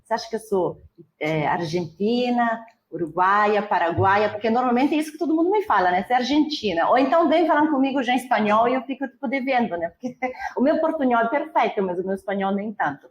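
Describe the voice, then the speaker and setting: A woman's voice: fairly high pitch, animated, fast, muffled recording. An Italian woman from northern Italy, speaking with an Italian accent as a guest in a casual panel chat, chatty and full of fillers.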